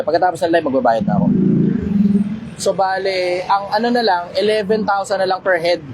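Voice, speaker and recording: A man hosting a casual livestream Q&A, talking bluntly, swearing casually and getting loud when he makes a point. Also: high-pitched, a little hiss or hum, poor audio. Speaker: livestream host answering questions.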